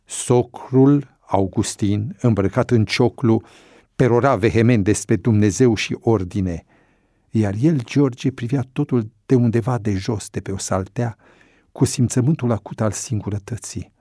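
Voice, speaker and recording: A man narrating a novel as an audiobook, in a measured, unhurried storytelling manner. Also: on the low side, warm tone, no echo, studio quality.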